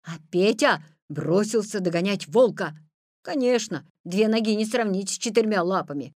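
Woman storyteller, lively pitch, dry close mic. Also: normal speed, no echo. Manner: expressive, animated. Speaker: narrator. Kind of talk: storybook reading.

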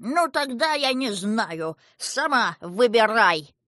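A woman voicing a quick-tempered old male river king who grumbles and shouts, as an audiobook character. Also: a little high, lively intonation, no room sound, clean studio sound, pitched above the performer's own voice, heavily acted. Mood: grumbling. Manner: gruff, grumbling, shouting when angry.

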